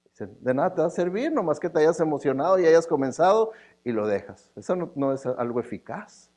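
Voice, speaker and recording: A man's voice: fairly high pitch, animated, a little fast, a little mellow. A man preaching a sermon in a conversational way, with joking asides, often checking in with the congregation. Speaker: pastor.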